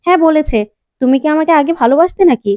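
Woman reading proud young bride, defiant, high dry voice. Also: fast talker, mellow, no room sound, close to an everyday voice.

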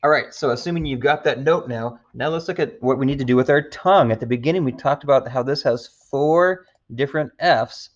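A man teaching a beginner trombone lesson, patient and encouraging, counting out loud with his students. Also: mid-range voice, a little fast, few pauses, lo-fi sound. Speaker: music teacher.

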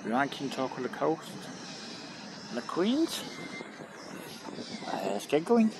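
A man gives a loose, rambling commentary to his camera as he rides along the seafront. His pitch swings up and down freely as he points things out. Heavy wind and outdoor noise sit under the voice. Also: slow. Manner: chatty, rambling, lively pitch. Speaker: vlogger. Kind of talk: casual running commentary. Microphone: camera on a mobility scooter.

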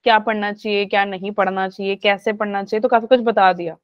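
A woman's voice: medium pitch, steady tone, fast talker, no room sound. A woman teacher leading a live online class, chatty and coaxing, mixing English into her talk. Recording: dull lo-fi online audio.

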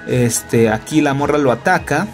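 A man's voice: medium pitch, normal speed, soft background music. A young man with a Mexican Spanish accent doing casual, joking gameplay commentary, padded with fillers and tag questions. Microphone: laptop recording.

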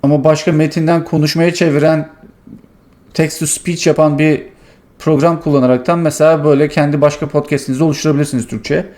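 A man hosting his tech channel, casually walking through a software demo and thinking aloud with many fillers. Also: on the high side, level tone, fast.

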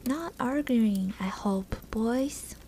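A small, cheerful old male professor with a squeaky voice, put on by a woman in a soft whisper. It is a whispered role-play from a storybook, gentle and mellow in tone. The pitch sits a touch higher than her own. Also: slow, slight background noise. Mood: cheery.

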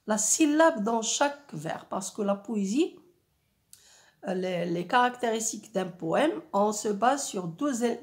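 Slow, patient woman teaching a lesson. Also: fairly high pitch. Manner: patient, frequent "oui" and "euh", spells out syllables. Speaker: French teacher. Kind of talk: slow classroom explanation.

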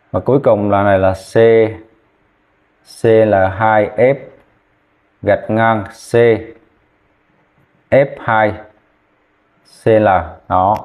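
A man teaching chemistry, dictating formulas slowly and repeating names, often checking whether students follow. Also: lowish voice, steady tone, darkish tone. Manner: slow, repetitive, checking in with "ok chưa?". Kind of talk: classroom lesson, dictating formulas.

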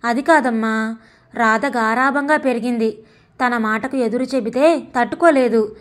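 A young man caught between wife and parents, pleading and apologetic, as a woman reader puts him on. The voice stays fairly high and gentle. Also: a little slow, lightly acted.

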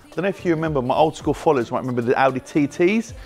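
A British man in his thirties owns a car wrap shop and hosts a jokey walkaround of his large, bright indoor workshop, chatting with staff along the way. He speaks in British English with a slightly high, slightly mellow voice, racing along over soft background music.

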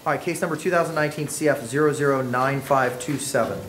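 Male judge, mid-pitched, heard on a roomy courtroom recording, calm procedural delivery. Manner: measured, procedural, reads case numbers. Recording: echoey courtroom audio, faint noise.

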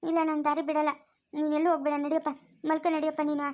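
Very high-voiced pleading woman. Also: monotone, very fast, a little mellow. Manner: anxious, pleading. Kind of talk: family village drama.

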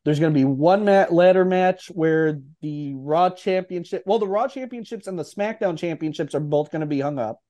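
A man's voice: a little high, normal speed, hardly any pauses, dark tone. A man hosting a casual podcast chat, teasing and joking with his co-hosts. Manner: jokey, teasing. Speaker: podcast host.

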